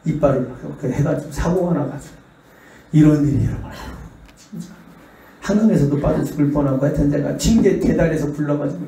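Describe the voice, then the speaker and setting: Animated Korean pastor in an echoey church. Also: male voice, fairly high pitch. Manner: animated, acts out the voices in his stories. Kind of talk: revival sermon with storytelling. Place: church sanctuary. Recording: echoey church hall, distant mic.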